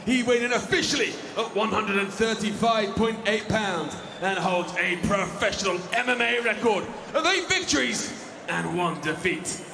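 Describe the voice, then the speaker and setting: A man working as a fight ring announcer, projecting formal introductions with long drawn-out names. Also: sits high, expressive, gravelly, crowd noise. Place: large indoor fight arena. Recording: echoey noisy arena PA sound.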